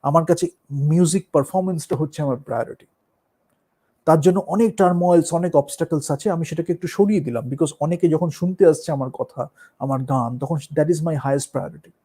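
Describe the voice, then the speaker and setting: Bengali-accent guy musing about art, kinda high mellow voice, lots of uhs and english bits. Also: normal speed, husky. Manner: thoughtful, mixes Bengali and English, with many fillers. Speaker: musician and performer. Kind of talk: casual talk on art and performance.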